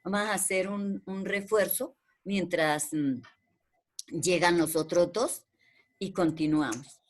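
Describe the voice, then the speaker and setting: A woman's voice: lowish voice, takes it slowly. Patient woman teacher on a video call. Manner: patient, repeats key words to drill pupils. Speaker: primary school teacher. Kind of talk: online class teaching.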